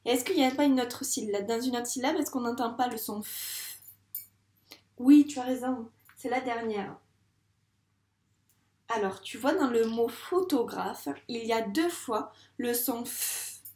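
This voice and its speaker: A woman's voice: fairly high pitch, a little slow, dark tone, roomy sound. A woman teacher giving a patient video lesson to a young child, stretching out words syllable by syllable. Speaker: primary school teacher.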